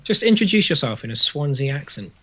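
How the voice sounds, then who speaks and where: A man's voice: fairly high pitch, very animated, brisk, crowd noise. A British man hosting a casual podcast, putting questions to friends over a video call. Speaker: podcast host. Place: indoor video call from home. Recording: slightly dull video-call audio.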